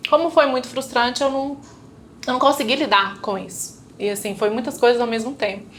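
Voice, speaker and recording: A little high and a little fast, the woman's bright voice keeps a fairly even intonation over slight background noise. Speaking with a Brazilian Portuguese accent, the guest gives personal testimony in easygoing chat, reenacting dialogue from memory with many tag questions.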